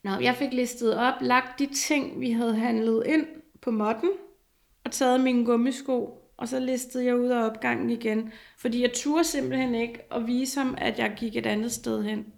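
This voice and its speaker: Woman with a creaky voice. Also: a little high, steady tone, a little mellow. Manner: halting, many fillers and restarts. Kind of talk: personal story, casual telling.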